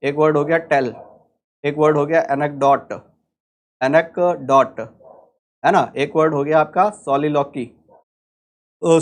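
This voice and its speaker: English vocabulary is the subject of this online exam-prep lecture, given by a man with an Indian accent and a slightly high voice. He breaks things down step by step, throwing rhetorical questions at his students.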